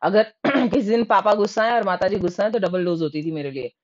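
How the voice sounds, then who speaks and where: A woman from Rajasthan telling her own childhood memories in a lively, animated way, slipping English words into her speech. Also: medium pitch, fast, muffled recording. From Rajasthan, India. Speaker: storyteller. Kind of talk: personal storytelling.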